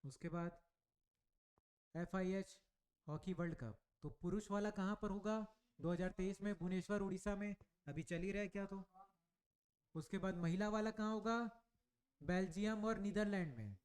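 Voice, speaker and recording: A man's voice: high-pitched, moderate pace, a little mellow, smooth. A male teacher running an exam-prep class, building memory tricks and checking with students often. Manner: asks frequent check questions to the class.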